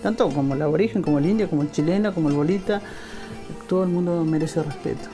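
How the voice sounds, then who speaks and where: A woman from Argentina talking earnestly about her own identity in an interview, slowing down to stress her points. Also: sits low. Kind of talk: testimony interview. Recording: music playing under the voice.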